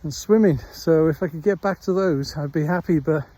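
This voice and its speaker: With a slightly high voice and a dark tone, a Welsh-accented man in middle age vlogs while walking his dog through the countryside. He holds the phone and talks in an easygoing, rambling way, pausing frequently.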